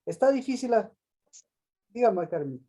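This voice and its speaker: A male pastor leads a call-and-response Bible lesson, reading scripture aloud and firing questions at his listeners by name. His voice sits fairly high yet sounds mellow and soft-edged. He repeats each answer back before pressing on. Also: very animated, moderate pace, a little hiss or hum. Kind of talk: interactive Bible teaching with questions to the congregation.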